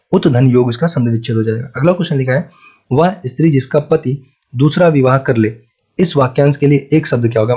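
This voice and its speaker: A man's voice: mid-range voice, dark tone, breathy edge. A male Hindi teacher with a north Indian accent going through exam questions, repeating each answer and quizzing the listener. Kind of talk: exam-prep lesson. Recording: dull lo-fi recording.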